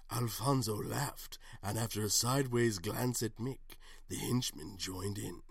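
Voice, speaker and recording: Guy reading a comedy story deadpan and hushed, kinda gravelly and husky, dry close mic. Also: on the low side, unhurried, no echo. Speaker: narrator. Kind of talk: scripted comedic narration.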